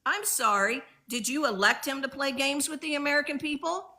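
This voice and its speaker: A woman with a high, bright voice rants with passion and sarcasm as a guest on a live stream. She slips into mocking voices to mimic the people she argues against. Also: a little fast. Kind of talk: passionate political rant.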